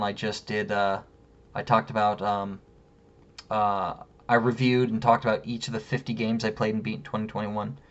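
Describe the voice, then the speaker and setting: A man ranting casually to camera in a room at home, heated and rambling, swearing constantly. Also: lowish voice. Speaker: vlogger. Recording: dull lo-fi sound.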